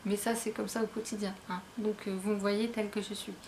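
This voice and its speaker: A woman's voice: medium pitch, little pitch movement, fairly quick, a little mellow, slight background noise. A tired woman, chatting casually at home as a book vlogger, rambling and poking fun at her own slips. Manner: rambling, self-mocking, stumbles over words. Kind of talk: casual book haul vlog. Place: at home, indoors.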